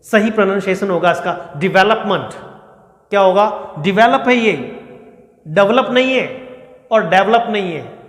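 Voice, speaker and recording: A man teaching an exam-prep English pronunciation lesson, drilling words slowly and repeating them, asking questions and answering them himself. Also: sits high, a bit bright. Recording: echoey room with long reverb.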